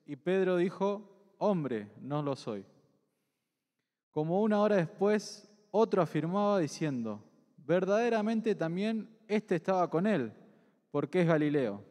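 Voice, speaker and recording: A man reading a long scripture passage aloud at a church meeting in a measured, even way. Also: high voice. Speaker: scripture reader. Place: church hall. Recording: echoey church hall.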